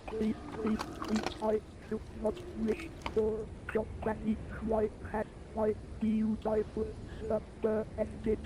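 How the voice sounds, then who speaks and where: A whispery text-to-speech robot voice speaking for a pleading villager character in an online game, with flat, halting, oddly worded machine speech. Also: mid-range voice, noisy background.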